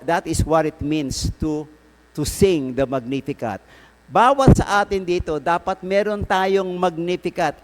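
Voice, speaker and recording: A priest with a Filipino accent preaching at a prayer meeting, mixing English and Tagalog and telling a story with rhetorical questions. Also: male voice, on the high side, long reverb tail.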